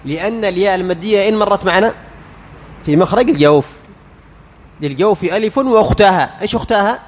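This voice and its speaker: A man teaching Quran recitation as a lecture. He quizzes the class, answers his own questions and sounds out letters slowly. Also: sits high, in a large hall.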